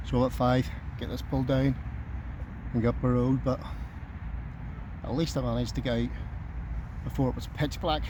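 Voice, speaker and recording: A man talking casually to camera as a camping vlogger, rambling in an easygoing way and thinking aloud. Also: mid-range voice. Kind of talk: casual outdoor vlog talk to camera. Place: outdoors at a tent by a road. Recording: clear outdoor background noise, nearby road.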